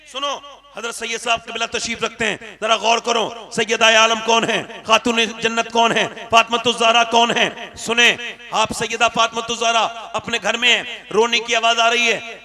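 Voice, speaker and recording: A man preaching an emotional devotional sermon, telling a story that swings from soft narration to shouted climaxes, and calling on the crowd to respond. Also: extremely high pitch.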